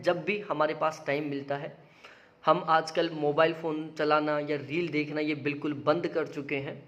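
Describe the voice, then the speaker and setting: A man's voice: high-pitched, fairly bright tone. A young man, a father, explaining patiently to camera in a parenting vlog and coaxing his baby. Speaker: father and vlogger.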